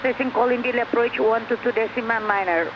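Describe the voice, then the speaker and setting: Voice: medium pitch, fairly even intonation. Controller over a muffled headset radio. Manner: measured, procedural. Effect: heard over an aircraft radio headset. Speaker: air traffic controller. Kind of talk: clipped radio phraseology. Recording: muffled radio with engine noise.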